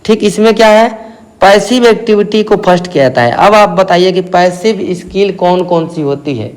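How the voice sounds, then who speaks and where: A male teacher with a north Indian accent giving an exam-prep lecture, posing questions and answering them himself, repeating key terms slowly. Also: high-pitched. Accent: Hindi-speaking north Indian.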